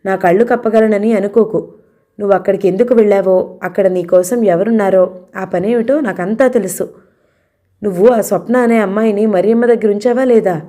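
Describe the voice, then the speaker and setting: A man's voice: sits high, steady tone, moderate pace, mellow, natural voice. A woman reading the part of a stern older uncle who scolds and interrogates his nephew. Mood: accusing.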